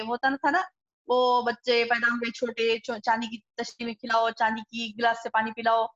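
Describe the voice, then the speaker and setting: A woman giving a religious lesson, explaining scripture verse by verse, rising when she quotes and dropping low for asides. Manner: expressive, rises when quoting verses, drops low for asides. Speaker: Quran teacher. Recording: dull lo-fi recording.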